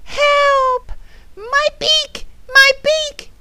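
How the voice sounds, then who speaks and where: A woman voicing a cheeky, naughty male parrot in a children's story, squawking and yelling. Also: extremely high pitch, little pitch movement, extremely slow, dry recording, pitched above the performer's own voice, heavily acted. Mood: panicked.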